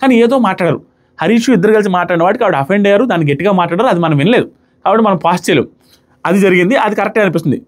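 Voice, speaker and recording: A man giving a casual, animated review of a reality show, mixing English words into his talk. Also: sits high, racing. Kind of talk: casual commentary.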